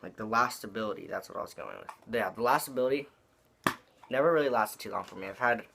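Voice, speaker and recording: Young male reviewer, low register, slangy and meandering, speaking around a wad of chewing tobacco. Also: sing-song, fast, gravelly, background noise. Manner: rambling, slangy and profane. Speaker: product reviewer. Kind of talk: casual review talk.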